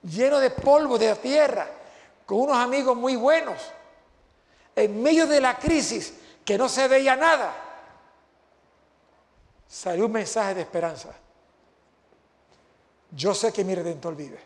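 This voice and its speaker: A man's voice: very high-pitched, lively intonation, unhurried, pauses often. A man preaching an impassioned sermon to graduates, repeating phrases for emphasis. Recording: long hall reverb.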